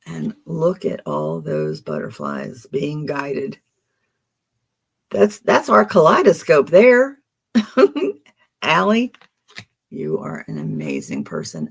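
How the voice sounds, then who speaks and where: Her voice is deep with vocal fry and a breathy edge, and she has a Philadelphia accent. She's doing tarot card readings over a livestream, chatty and affectionate, often pausing with ums and starting sentences over.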